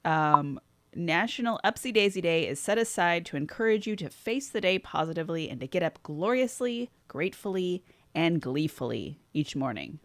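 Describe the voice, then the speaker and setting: Low-voiced teasing female co-host, dry sound. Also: animated, moderate pace, fairly bright tone, dry recording. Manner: dry, teasing, laughs often. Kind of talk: casual podcast banter.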